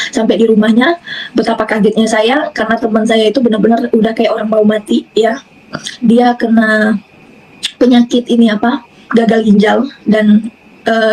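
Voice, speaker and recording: A woman from Indonesia recounts her personal faith testimony in a relaxed, conversational manner full of fillers and restarts. Her voice sits a little high, with a gravelly, husky grain. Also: rough recording. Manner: conversational storytelling with many fillers. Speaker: testimony speaker.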